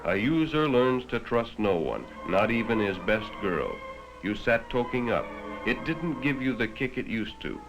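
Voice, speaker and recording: An unhurried American man with a mid-range voice and big pitch swings narrates from a script, talking straight to the listener. He sounds grave, dramatic and moralizing, in the mode of a 1960s educational film. The vintage 1960s soundtrack is muffled, and music is prominent in the background.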